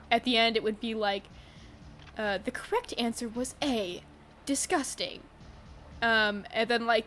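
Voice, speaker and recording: A woman's voice: mid-range voice, a bit bright, a little hiss or hum. A woman chatting casually while streaming a game, tired and yawning, rambling with lots of fillers and giggles.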